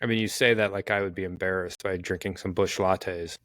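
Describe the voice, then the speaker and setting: A man co-hosting a sports podcast in casual chat, wry and teasing with quick deadpan asides. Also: low voice, dry recording. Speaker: podcast co-host.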